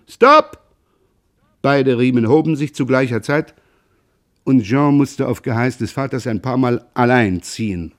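Man giving an expressive literary reading. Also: mid-range voice. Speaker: reader.

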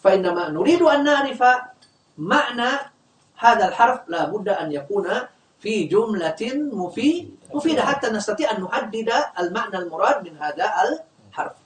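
A man's voice: sits high, animated, brisk, slight background noise. Distant, echoey male grammar teacher. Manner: quizzes the class, leaves words unfinished for students to complete. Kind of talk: classroom grammar lesson. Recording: echoey room, distant mic.

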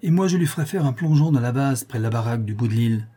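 A drunk young bandit voiced by a man reading an audiobook snarls his threats, raised in pitch and loud. The voice stays dark and husky underneath. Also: lively intonation, fast. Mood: taunting. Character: drunk violent young male bandit brother.

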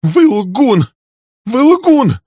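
A man voicing a volatile young female secretary who shouts in a high, shrill voice. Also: lively intonation, brisk, no echo, clean studio sound, natural voice. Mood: screaming.

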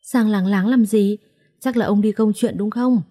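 A gentle young wife, twenty and grieving, as a woman storyteller voices her. She speaks softly and in a subdued way. Her voice is warm and mellow. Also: mid-range voice, fairly even intonation, normal speed, natural voice.

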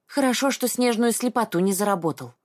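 A woman narrating an audiobook in a calm, even storytelling manner. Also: on the high side, a little fast, dry recording, clean studio sound.

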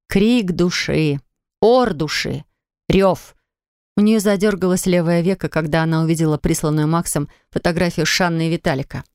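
A woman narrating an audiobook in a studio with expressive, intimate storytelling. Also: on the low side, smooth, dry recording. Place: recording studio.

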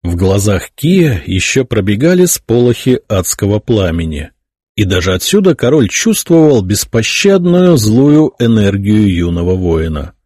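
A man narrating an audiobook with expressive storytelling. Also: lowish voice, a little slow, slightly rough, no echo, clean studio sound. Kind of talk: scripted narration.

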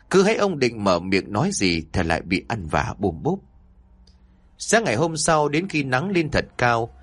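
A man narrating a scripted horror story with dramatic, expressive delivery. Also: mid-range voice, dry recording.

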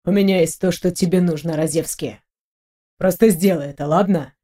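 A woman's voice: normal speed, warm tone, close to an everyday voice. Woman doing a grim, stern male officer. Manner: low, clipped, through the teeth.

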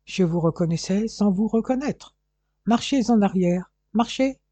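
A man's voice: sits high, unhurried, mellow, dry recording, voice pushed up. A man doing a curt English detective with a light British accent. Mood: commanding. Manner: curt, clipped orders. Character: cool English detective, male, adult, commanding.

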